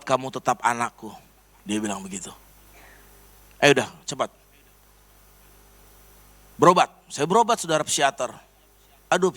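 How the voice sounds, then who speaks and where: During a sermon, a man animatedly tells his personal testimony as a story to the congregation, calling them saudara. His voice is mid-range and a bit bright.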